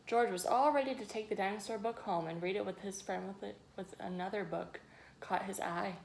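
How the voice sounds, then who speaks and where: Reading a picture book to young children, a woman uses an expressive teacher's storytelling style and speaks straight to her listeners. Her medium-pitched voice is gravelly and fairly quick, with faint noise in the background.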